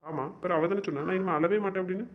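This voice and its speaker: A young man acting as a stubborn, wounded young lover, who rattles off insistent, exasperated complaints at a brisk pace. His voice sits a bit high for a man. The amateur web-drama recording sounds dull and lo-fi. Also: fairly even intonation, a little hiss or hum, lightly acted. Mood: frustrated. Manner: insistent, exasperated, repeats himself.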